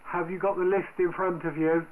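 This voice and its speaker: A man's voice: high-pitched, a little fast, phone-quality sound. A man acting as controller of an amateur radio net, speaking informally and hesitantly in radio procedure. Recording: noisy shortwave radio, steady static.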